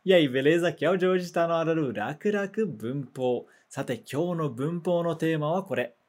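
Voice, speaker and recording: A man teaching a grammar lesson, patient and methodical, saying example words slowly for repetition and ending sentences with quick check-in tags. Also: fairly high pitch, darkish tone. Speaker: Japanese language teacher.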